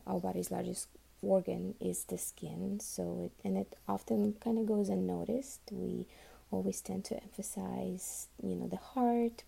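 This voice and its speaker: Speaking off the cuff, this woman tells her classmates she's a nurse; she comes from Uzbekistan and Russian is her first language. She has a dark, very gravelly mid-range voice, kept soft and half-whispered, and she keeps saying um and starting over.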